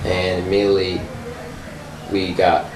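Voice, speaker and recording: A man's voice: low-pitched, completely flat delivery, unhurried. A man from Sudan recalling his own past in a hesitant, casual way, with many fillers and restarts. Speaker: interviewee. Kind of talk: personal recollection, casual storytelling. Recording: echoey room, mic far off, noisy.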